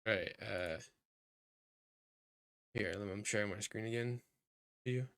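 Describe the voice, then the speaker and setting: A man's voice: fairly low pitch, measured pace, a bit bright, dry recording, clean studio sound. A man hosting a casual podcast chat over a voice call, rambling with lots of fillers. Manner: rambling, filler-heavy talk. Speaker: podcast host. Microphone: computer mic on a voice call.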